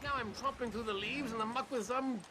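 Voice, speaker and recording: A woman acting a high-voiced, haughty city lady. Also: a little fast, background noise, lightly acted. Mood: disdainful. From New York City. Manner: theatrical, genteel, wordy. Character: stranded, haughty, chatty city lady in the Old West. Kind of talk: video game period drama acting.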